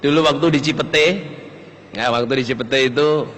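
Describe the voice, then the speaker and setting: An older man with a Javanese accent preaching a lively, joking sermon to a congregation. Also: moderate pace, slight background noise. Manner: lively, jokes and leaps between high and low pitch. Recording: long hall reverb.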